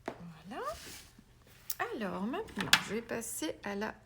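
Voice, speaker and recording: A woman's voice: medium pitch, animated, a little slow, heavy background noise. Chatty woman demonstrating a craft. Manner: chatty, drops to soft whispered asides while working; self-mocking, laughs at her own English pronunciation. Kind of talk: casual tutorial demonstration.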